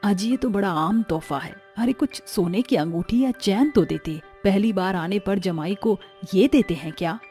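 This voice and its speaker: A woman's voice: mid-range voice, moderate pace, hardly any pauses, dark tone, faint music behind, close to an everyday voice. A woman voicing a harsh, scolding middle-aged mother-in-law who drawls out insults.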